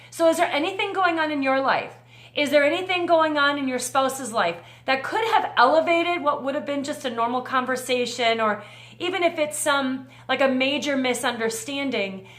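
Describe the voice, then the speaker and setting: A woman's voice: high voice, fairly bright tone, reverberant. A middle-aged woman hosting a short talk for mothers, talking through a numbered list of advice in a friendly, conversational way. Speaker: host.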